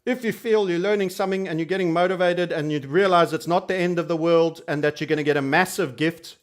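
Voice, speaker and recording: A man with a fairly high, fast, smooth voice hosts a casual online trading commentary. He is a YouTube trading host who speaks emphatically, repeats phrases for stress, and phrases things in a cheeky, colourful way.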